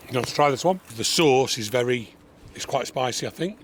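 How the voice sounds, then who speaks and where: A man hosting a casual backyard barbecue cooking show, chatting relaxed to viewers. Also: medium pitch, brisk. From New Zealand. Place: backyard outdoors. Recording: outdoor noise with passing vehicles.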